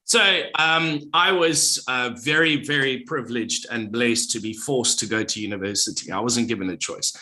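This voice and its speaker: A man's voice: medium pitch, moderate pace, hardly any pauses, sharp tone. A middle-aged man, a former radio presenter, speaking as a guest on a podcast in a confident, well-projected delivery. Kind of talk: podcast interview.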